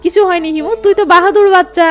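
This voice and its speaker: A woman voicing a playful, affectionate young woman about to marry, teasing and warm in tone. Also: very high-pitched, steady tone, fast, soft background music, voice pushed up.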